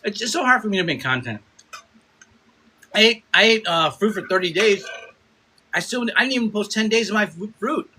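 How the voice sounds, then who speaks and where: Brisk and expressive, with frequent pauses, this man in his fifties has a high-pitched, bright, forceful voice and a slightly rough sound. He livestreams food content by phone from his Chicago home, rambling, repeating himself and swearing as he reads comments.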